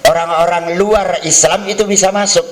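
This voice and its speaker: A man's voice: high voice, normal speed, low-quality recording. A middle-aged man giving a humorous lecture to pilgrims as a hajj instructor, acting out quarrels and bargaining. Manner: lively, acts out quarrels and bargaining in mock voices.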